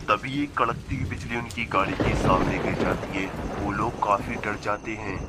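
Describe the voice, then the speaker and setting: Low-voiced man narrating a cartoon story. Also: steady tone, normal speed, very noisy.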